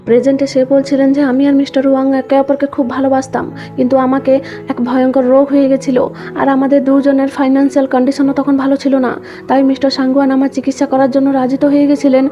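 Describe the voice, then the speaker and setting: Woman with a mellow, darker tone for drama recap narration; dull lo-fi voice-over. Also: high voice. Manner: reads quoted dialogue in the same even narrating voice. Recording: dull lo-fi voice-over with background music.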